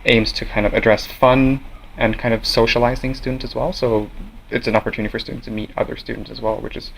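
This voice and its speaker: A young man from Norway, a student association president, answering interview questions in a measured way with many fillers and restarts. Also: mid-range voice, flat delivery, creaky, a little hiss or hum, poor audio. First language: Norwegian. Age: young adult.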